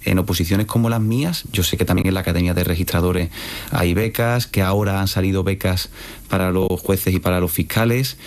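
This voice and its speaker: A man with a very deep voice explains things in a measured way on a panel. His delivery stays flat and even, with little rise or fall. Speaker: exam trainer at an academy. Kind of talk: panel discussion.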